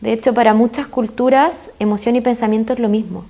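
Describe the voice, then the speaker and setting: In an explanatory interview, a Chilean woman serves as a guest expert on mindfulness, speaking earnestly with plenty of fillers. Her slightly high voice is steady and dark-toned, with a brisk pace, and she has a Chilean Spanish accent.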